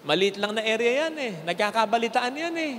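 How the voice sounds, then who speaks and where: High-voiced Filipino priest preaching. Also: male voice, fairly quick. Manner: conversational, animated storytelling with rhetorical questions. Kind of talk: homily at Sunday Mass. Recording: long church reverb, faint background noise.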